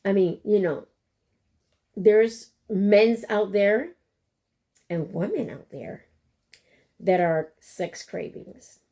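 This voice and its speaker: Animated woman. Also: medium pitch, slow, long pauses. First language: Spanish. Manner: animated and expressive, switching between Spanish and English. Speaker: co-host. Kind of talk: casual bilingual chat.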